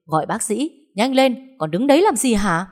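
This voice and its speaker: A woman voicing a furious, hot-tempered peasant woman who shouts threats. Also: medium pitch, expressive, a little fast, natural voice. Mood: panicked.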